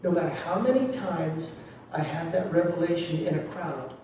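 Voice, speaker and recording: A man's voice: on the high side, normal speed, warm tone, a little hiss or hum. A man giving a dharma talk as a lay Buddhist speaker, reflective and confessional with wry humor. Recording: very echoey hall, mic at a distance.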